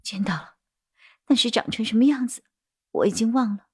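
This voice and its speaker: A frightened young woman, voiced by a narrator answers in a quiet, guarded voice. She sounds scared and withdrawn, a witness holding back in a spoken crime story. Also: a little high, expressive, moderate pace, slightly rough, no room sound, studio quality, pitched above the performer's own voice. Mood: fearful.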